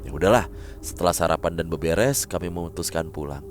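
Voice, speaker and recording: A man narrating a listener's first-person horror story in an expressive, dramatic way. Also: low-pitched, fairly quick, faint music behind.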